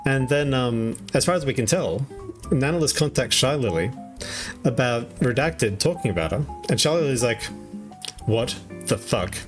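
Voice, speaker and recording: A man's voice: medium pitch, expressive, normal speed, music in the background. A young Australian man streaming, recapping online drama in rambling, casual chat with many fillers and frequent laughs. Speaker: VTuber streamer.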